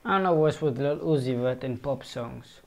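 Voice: mid-range voice, moderate pace, creaky, darkish tone. A music reaction streamer giving casual, profane commentary, thinking aloud and often unsure of themself.

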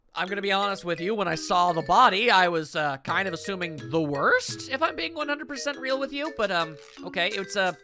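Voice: medium pitch, pushed and bright. A let's play host giving casual video game commentary, musing aloud with wry understatement. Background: video game music.

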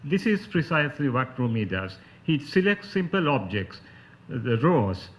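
Low-voiced Sri Lankan man lecturing, dull recording. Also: sing-song, measured pace. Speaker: academic panelist giving a talk. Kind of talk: spoken academic lecture.

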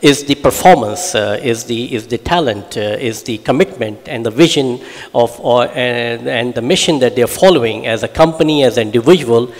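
A man's voice: medium pitch, normal speed. A man answering as a panelist on a conference stage, formal and hesitant with frequent fillers, into a handheld mic. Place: large conference hall stage. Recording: reverberant hall.

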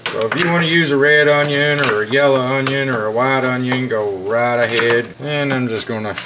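A man's voice: medium pitch, fairly quick. A folksy man with a drawl talks viewers through a home recipe, filming himself on a handheld camera. The audio is noisy, picked up in a home kitchen. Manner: folksy, chatty, says y'all. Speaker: family vlogger and home cook. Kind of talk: casual home cooking vlog. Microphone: handheld camera mic.

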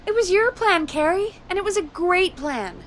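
An actress playing a caring, encouraging radio colleague in a video game, soothing and earnest. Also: female voice, very high-pitched, sing-song, moderate pace, a bit bright, slight background noise, heavily acted. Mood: reassuring.

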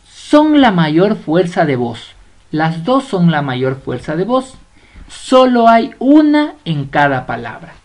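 A woman's voice: lowish voice, darkish tone. A woman teacher with an Ecuadorian accent, patiently explaining a lesson, drawing out example words and checking that students follow. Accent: Ecuadorian Spanish. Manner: stretches out example words syllable by syllable, checks understanding. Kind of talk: slow classroom explanation.

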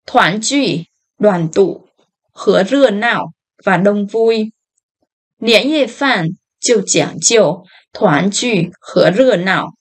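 A woman teaching a language lesson, reading each phrase slowly and then explaining it. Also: mid-range voice, slightly rough. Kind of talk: slow line-by-line language lesson.

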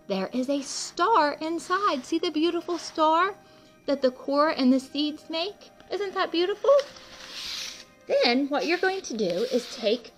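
An art teacher who hosts children's read-alouds reads a picture book to young kids in a highish voice. Like a teacher, she pauses to explain things simply and addresses them directly.

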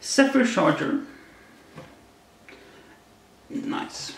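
Guy doing an unboxing with cheesy card puns, loud echo bouncing off a bare room, faint hiss. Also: drawn-out words. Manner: wry, punning asides about each card. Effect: echoey sound from a bare, unfurnished room. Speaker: unboxing video host. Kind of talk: casual unboxing commentary. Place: new apartment, not yet furnished, indoors.

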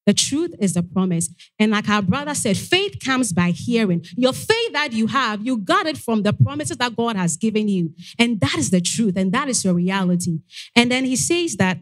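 A young woman preaching an earnest sermon into a handheld mic in a church, often pausing on "Amen". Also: on the high side, expressive. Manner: earnest exhortation with frequent "Amen". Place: church sanctuary stage.

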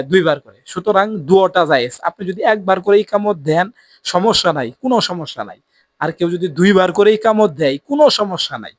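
High-voiced man teaching earnestly. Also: no room sound. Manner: earnest, repeats points for emphasis. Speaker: Islamic preacher. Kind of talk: religious teaching talk to camera.

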